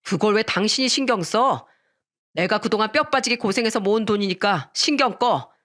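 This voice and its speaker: A woman's voice: medium pitch, normal speed, fairly bright tone, close to an everyday voice. A woman voicing a lazy, surly middle-aged husband who talks in a curt, dismissive grumble. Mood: defiant.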